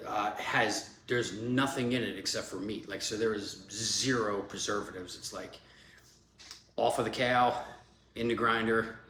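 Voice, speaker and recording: In a fairly low, fairly bright voice, a fitness vlogger in his forties rambles through casual vlog talk, loose and chatty with many fillers. He sounds congested from a cold, and the echoey room carries a faint hum behind him.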